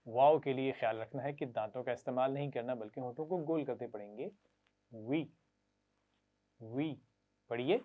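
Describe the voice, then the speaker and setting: A man's voice: mid-range voice, mellow. Patient man teaching children to recite. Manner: patient, slow, drills sounds for children to repeat. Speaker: Quran reading teacher. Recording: tinny phone-like lo-fi audio.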